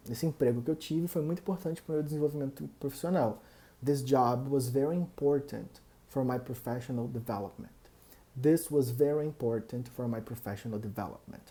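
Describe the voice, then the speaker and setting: Young Brazilian male English teacher, mellow dark voice, repeats vocabulary slowly for pronunciation drills. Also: mid-range voice. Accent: Brazilian Portuguese. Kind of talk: English lesson for Portuguese speakers.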